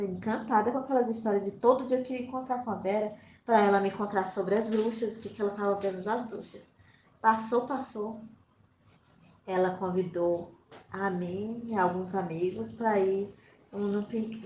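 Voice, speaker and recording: A woman telling a true story from her own childhood in an animated, dramatic way, acting out her own past reactions. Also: mid-range voice. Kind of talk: animated first-person storytelling. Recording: roomy with faint background noise.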